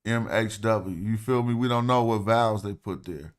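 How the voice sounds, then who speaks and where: A man with a fairly low, smooth voice speaks at a normal speed. He's hosting a casual livestream, thinking aloud in a loose way as he works through ancient Egyptian words in hieroglyph texts.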